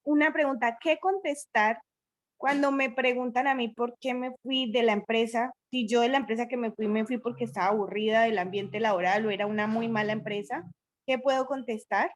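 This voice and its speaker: A woman's voice: fairly high pitch, fairly even intonation, moderate pace. Hesitant Colombian woman asking a question. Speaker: workshop participant.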